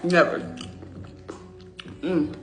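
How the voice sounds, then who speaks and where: A woman hosting a mukbang, chatting casually and emphatically to viewers while chewing her food, with appreciative hums between phrases. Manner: drawn-out, emphatic, informal folksy delivery with frequent appreciative hums. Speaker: mukbang host eating on camera. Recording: roomy echo, music behind.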